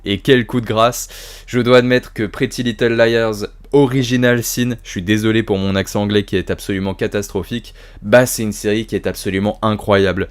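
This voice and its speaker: A man's voice: fairly low pitch, smooth. A man hosting his own video review, talking casually about horror series with swearing, self-mocking asides and enthusiasm.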